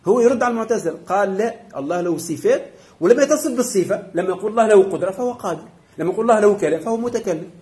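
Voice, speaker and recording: A man's voice: high voice, animated, rapid-fire, a little mellow. A man with a Tunisian Arabic accent, a sheikh teaching a religious doctrine lesson, explaining step by step and often checking that his students follow. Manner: explanatory, keeps checking the class understands.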